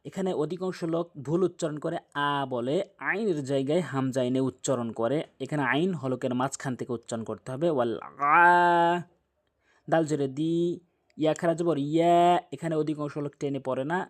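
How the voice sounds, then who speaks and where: A man teaching a tajweed pronunciation lesson who demonstrates Arabic sounds slowly and repeats them for the listener. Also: fairly high pitch. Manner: drawn-out Arabic recitation examples. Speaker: Quran recitation teacher.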